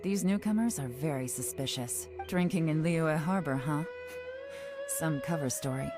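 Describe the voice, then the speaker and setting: A woman playing a cool, shrewd, self-assured investigator in a video game, measured and knowing. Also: low-pitched, close to an everyday voice. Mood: suspicious, knowing. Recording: game music behind.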